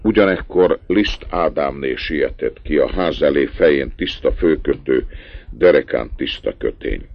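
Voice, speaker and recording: A man reading a story aloud in a measured, expressive way with a gravelly voice. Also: rumbling low. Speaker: narrator. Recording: dull dry lo-fi recording.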